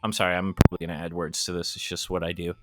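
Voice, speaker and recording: A man's voice: low voice, completely flat delivery, very fast. A man doing casual let's-play commentary while reading a visual novel aloud, rambling through self-deprecating asides.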